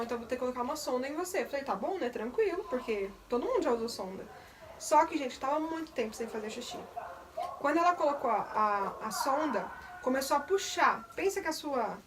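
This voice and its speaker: A woman's voice: high-pitched, distant mic, slight background noise. A young woman, candidly recounting a personal testimony in detail. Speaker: vlogger. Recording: voice a bit off the mic.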